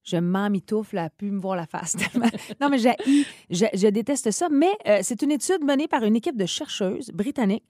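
A lively woman with a Quebec French accent chats on the radio, quick to laugh and full of stories. Her voice sits at a middling pitch. The sound is dry and close, with no room echo. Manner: lively, chatty, laughs often. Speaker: radio co-host. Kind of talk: casual radio chat.

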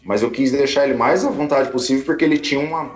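A man, a guest viola player, telling a story in an animated, slangy, casual way. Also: medium pitch. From Brazil. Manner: animated, slangy, talks fast.

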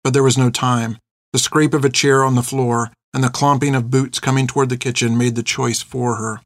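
A man narrating an audiobook in a steady, measured storytelling voice. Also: mid-range voice, no echo, clean studio sound.

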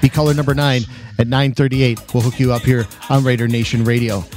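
A man's voice: mid-range voice, little pitch movement, a little fast, darkish tone, soft background music. A man hosting a live sports radio show, moving through announcements and talk to listeners.

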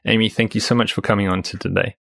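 A man hosting a podcast, introducing a guest and asking questions in a casual, halting way with restarts. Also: on the low side, flat delivery, gravelly, fairly bright tone, no room sound, clean studio sound. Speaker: podcast host. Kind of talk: podcast interview.

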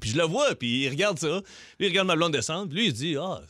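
A man with a Québécois French accent co-hosting a radio show, telling an animated story and acting out the voices of the people in it. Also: a little high, quick pace, no echo, studio quality. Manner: lively, laughing, acts out quoted voices.

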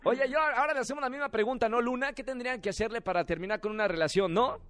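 A man hosting a playful radio dating segment, teasing and excitable. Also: very high voice, racing, dry recording. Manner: teasing, excitable, laughs often. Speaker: radio host. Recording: radio show with music bed.

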